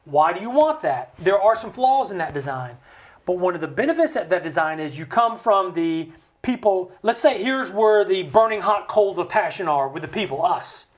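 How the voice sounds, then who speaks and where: Animated American man, studio guest. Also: normal speed. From United States. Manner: animated, acts out quoted voices with big jumps in pitch. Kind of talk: impassioned conversational explanation. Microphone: studio mic.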